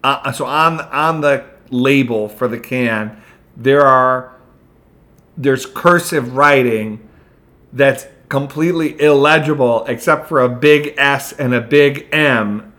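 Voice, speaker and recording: A man's voice: medium pitch, takes it slowly, fairly bright tone. A man co-hosting a podcast in casual chat, playful and laughing often, with lots of ums and restarts. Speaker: podcast co-host.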